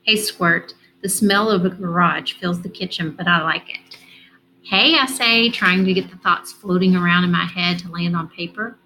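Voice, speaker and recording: A woman reading a first-person children's novel aloud in a steady, expressive voice. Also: fairly low pitch, normal speed, a little hiss or hum, poor audio.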